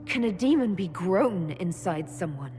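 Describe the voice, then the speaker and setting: An actress playing a female elf mage leader who speaks calmly and asks direct questions. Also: fairly low pitch, a little slow, soft background music. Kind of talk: video game voice acting.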